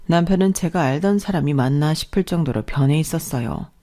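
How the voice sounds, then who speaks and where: A woman reading a first-person story aloud in an even, confiding tone. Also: low voice, brisk.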